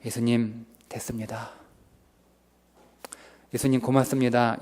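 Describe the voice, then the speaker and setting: A male pastor voicing a grieving father who quietly gives up hope and apologizes, heard in a reverberant church hall. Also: mid-range voice, voice pushed down, natural voice. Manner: soft, resigned and apologetic.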